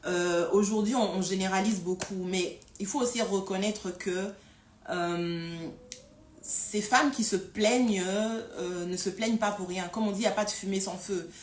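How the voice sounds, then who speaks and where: A woman talks casually to her live stream audience, stumbling over repeated words and fillers as she thinks aloud. Her voice sits at an ordinary middle pitch. The sound is roomy and echoey, with a faint hiss underneath. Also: a little slow. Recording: roomy echo with faint noise.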